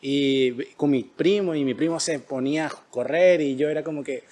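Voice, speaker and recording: A man's voice: on the high side, normal speed, noisy background. A man hosting a podcast, talking casually and hesitantly with frequent filler sounds. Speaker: podcast host. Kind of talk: casual conversation.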